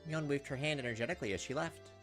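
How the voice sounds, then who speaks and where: Brisk and on the high side, this male gaming host reads visual novel text in a laid-back let's play. He drops wry, jokey asides and reactions, with the game's music running underneath.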